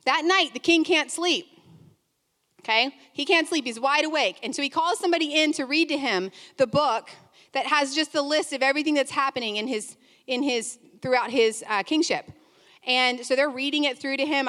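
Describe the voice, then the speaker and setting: A woman preacher retelling a Bible story in a sermon, lively, with chatty asides. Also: high voice. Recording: long hall reverb.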